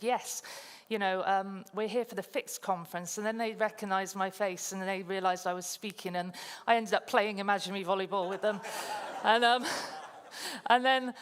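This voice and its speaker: A woman's voice: medium pitch, a bit bright. Chatty woman preaching in echoing hall. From South Coast of England. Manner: chatty, self-deprecating storytelling. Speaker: guest speaker. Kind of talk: sermon with personal story. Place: church hall. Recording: long church hall reverb.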